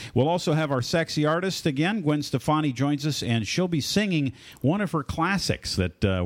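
A man's voice: mid-range voice, no echo. A man hosting a live talk radio show.

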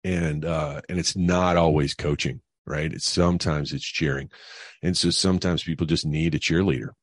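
A man's voice: rumbling low, fairly even intonation, normal speed, slightly rough, no echo, clean studio sound. A middle-aged man, a guest on an interview podcast, telling personal stories in a conversational way with many fillers and restarts. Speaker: guest, financial advisor. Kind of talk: casual interview storytelling.

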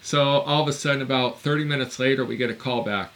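A man in his fifties co-hosts a casual podcast. He tells his story bluntly and with open exasperation, swearing now and then. His voice is bright and forceful and sits at an average pitch for a man. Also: fast talker. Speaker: podcast co-host.

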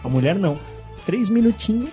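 A Brazilian man with a high voice trades loud, joking banter as a podcast co-host. He tells stories with animated energy. Faint music plays behind him. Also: a little fast. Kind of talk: casual banter.

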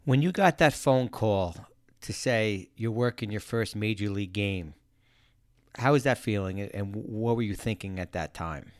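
A man hosting an interview, asking questions in a relaxed, conversational way. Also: fairly low pitch, a little slow, no echo, studio quality. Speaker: podcast host, interviewer.

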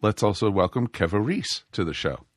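A man hosts a casual live podcast, rambling with many fillers and restarts, his voice a little scratchy from a cold. He speaks on the low side, animated and at a normal speed, with no echo.

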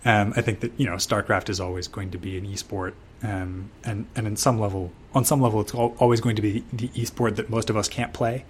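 A man's voice: on the low side, steady tone, fairly quick, few pauses, slight background noise. A man co-hosting a casual gaming talk show, speaking hesitantly with frequent restarts and fillers. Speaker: podcast co-host. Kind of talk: casual chat.

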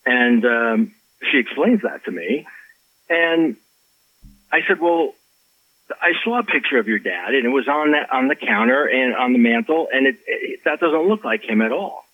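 A man's voice: medium pitch, normal speed, dry recording. A man, an author and life coach, telling a personal story in an interview, with lots of restarts and acted-out quotes. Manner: animated storyteller, acts out quotes, many restarts. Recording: slightly dull lo-fi audio.

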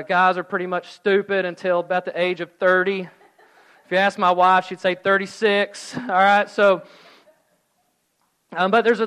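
A middle-aged man preaching a sermon, telling the story in a lively, joking way with asides, and reading scripture slower and softer. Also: sits high, smooth, low-quality recording. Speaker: pastor.

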